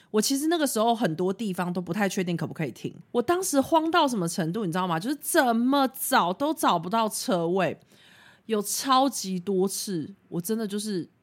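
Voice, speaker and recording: A young woman telling stories in a casual podcast monologue, frank and self-mocking, swearing freely. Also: medium pitch. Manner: animated, frank, swears freely, laughs at herself. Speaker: podcast host.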